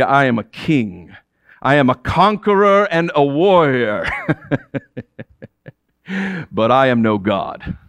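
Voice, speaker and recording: An actor performs a theatrical first-person monologue from a biblical story as a proud, middle-aged ancient Persian king addressing his subjects. His fairly high voice is commanding, and he chuckles between statements. The recording is dry.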